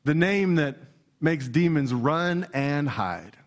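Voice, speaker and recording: A Canadian pastor with a notably high-pitched voice delivers a lively sermon. He is playful and energetic, talking straight to the people in the pews of a church hall. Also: takes it slowly. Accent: Canadian English. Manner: energetic, playful, talks directly to congregation.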